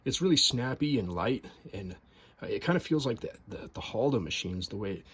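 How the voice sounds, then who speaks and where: A man's voice: fairly low pitch, animated, a little fast, a bit bright, slightly rough. A man casually showing off and explaining a typewriter, rambling and repeating words with enthusiasm. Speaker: typewriter restorer. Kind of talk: casual show-and-tell.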